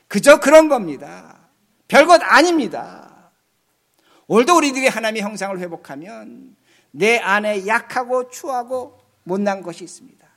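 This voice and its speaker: A male pastor preaching a sermon, swinging between loud emphatic lines and soft, low asides.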